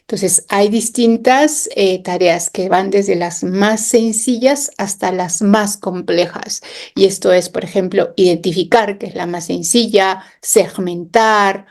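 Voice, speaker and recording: A woman's voice: mid-range voice, slow pace, a little mellow. A woman guest on a radio interview, patiently explaining with classroom examples, sounding out words and tagging her points with little questions. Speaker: interview guest, education specialist.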